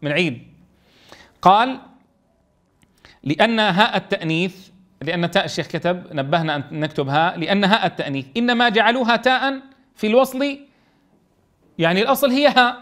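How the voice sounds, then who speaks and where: A man teaches a class of Quran teachers, speaking in a fairly high voice. He reads a passage aloud, breaks it down, and keeps asking whether the students follow. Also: a little fast, long pauses, a bit bright. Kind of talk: classroom lesson explaining a grammar text.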